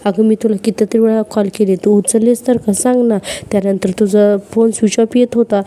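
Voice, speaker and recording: Woman reading an anxious, scolding husband; dark, even tone. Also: medium pitch, normal speed, close to an everyday voice. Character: worried, scolding young husband.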